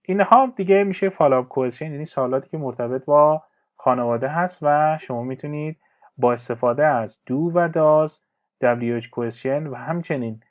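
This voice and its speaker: A male English teacher giving a lesson, reading example sentences slowly and clearly, then explaining them quickly with frequent fillers. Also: fairly high pitch. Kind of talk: language lesson explaining phrases. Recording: slightly dull lo-fi audio.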